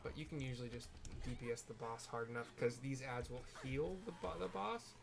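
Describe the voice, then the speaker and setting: A gamer narrating a raid playthrough gives casual, explanatory commentary in a mid-range voice with vocal fry. He describes the scene haltingly, trailing off into asides.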